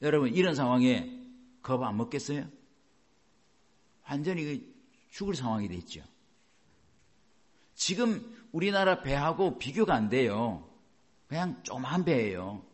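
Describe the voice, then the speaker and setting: A male pastor giving a sermon, reading scripture slowly and then explaining it in a chatty way to the congregation. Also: mid-range voice, big pitch swings.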